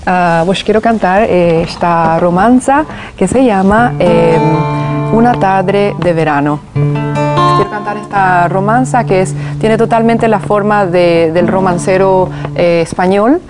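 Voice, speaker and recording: A woman's voice: medium pitch, measured pace, over loud music. A woman from Paraguay, a guest singer, explaining things at length in an interview with many hesitations.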